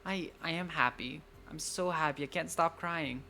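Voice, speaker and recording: A man's voice: fairly high pitch, sharp tone, a little hiss or hum, voice pushed up. A man voicing a shy, awkward young woman poet who speaks hesitantly. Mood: tender. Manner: hesitant, halting.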